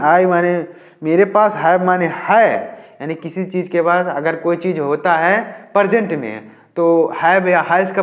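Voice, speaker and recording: A man's voice: high voice, lo-fi sound. A man teaching English by reading a story aloud, then explaining each word in Hindi.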